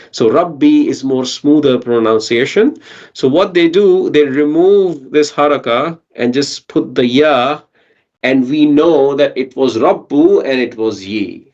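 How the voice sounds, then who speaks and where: A man's voice: medium pitch, a little mellow, lo-fi sound. A man teaching a Quranic Arabic grammar lesson online, patiently asking his students questions and checking in with them.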